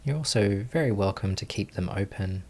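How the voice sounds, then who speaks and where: A man with a lowish, creaky voice leads a guided meditation as a teacher. His speech is gentle, calm, and unhurried, and he pauses at length between phrases.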